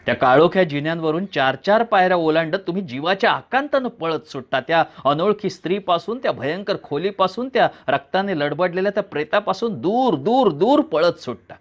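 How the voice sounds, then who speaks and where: A man's voice: high-pitched, lively intonation, brisk, few pauses. Man reading a suspenseful thriller story. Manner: suspenseful second-person narration. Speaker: reader. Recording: dull lo-fi recording.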